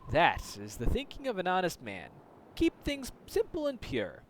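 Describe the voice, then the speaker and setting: Fields: Figure: a man voicing a wise, cryptic older sea captain. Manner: measured, formal. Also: sits high, wildly swooping pitch, slight background noise. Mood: solemn. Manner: measured, formal, with a loosely improvised accent. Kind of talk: reading game dialogue aloud.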